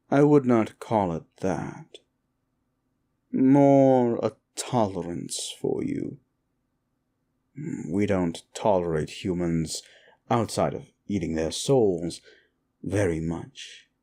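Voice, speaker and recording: A man plays a male demon, a sinister soul-eater, in a comfort ASMR roleplay that addresses the listener intimately. His deep, dark voice is slow and deliberate, drily menacing yet grudgingly soothing toward the human.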